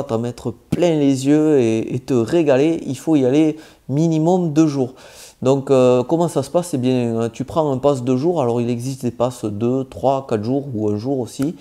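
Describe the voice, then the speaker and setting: A man's voice: medium pitch, dark tone. A man with a southwestern French accent giving casual, informal travel tips straight to the viewer, with many hesitations as he talks. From southwest France. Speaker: travel vlogger.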